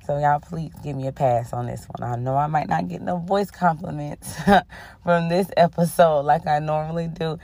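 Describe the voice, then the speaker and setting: Low-voiced woman hosting a podcast, under the weather. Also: steady tone, normal speed, vocal fry, no echo. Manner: warm-toned, affirming, sprinkles in "okay?" and "honey". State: under the weather, voice a bit rough. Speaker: podcast host. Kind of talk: casual spiritual podcast chat.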